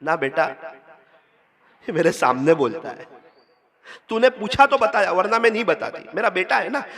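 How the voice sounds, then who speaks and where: A man's voice: sits high, expressive, normal speed, a bit bright, big-room sound. A man voicing a devoted elderly mother in a sermon, speaking in a pleading, doting way.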